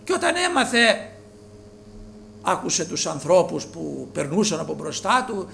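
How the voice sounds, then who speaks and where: A man preaching a sermon with fervor, rising to loud calls and dropping low. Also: very animated, creaky, slight background noise.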